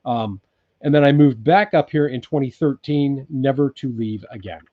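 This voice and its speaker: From an off-grid cabin, a man in his sixties from California runs a loose live chat, reading comments and stumbling through ums and restarts. He speaks at normal speed in a mid-range voice, with no echo and narrow, tinny audio.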